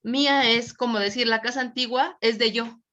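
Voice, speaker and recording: This Mexican woman's fairly high, slightly bright voice moves at normal speed with fairly even intonation as she teaches an online Spanish grammar class. Patient, she repeatedly confirms her students are following, though the audio is dull and lo-fi.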